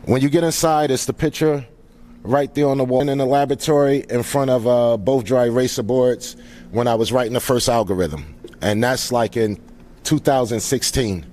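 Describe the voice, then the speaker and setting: A man's voice: medium pitch, moderate pace, a little mellow. Man giving an informal welcome speech. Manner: grateful, earnest. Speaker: founder presenting at an event.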